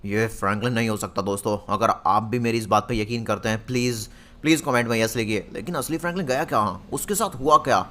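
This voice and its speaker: A man's voice: mid-range voice, fast talker, sharp tone. A young man narrating a video game story dramatically, speaking directly to his viewers and asking them to comment. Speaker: gaming YouTuber. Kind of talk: excited gameplay narration.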